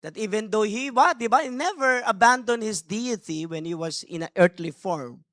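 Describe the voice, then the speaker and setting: A man preaching as a bishop, mixing Tagalog and English as he works through his sermon. His voice is bright and forward, recorded close and dry with no room sound. He leans hard on key words, keeps asking the congregation questions and drops playful asides between points. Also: high-pitched, dry recording. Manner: emphatic, asks the crowd rhetorical questions and calls for amens.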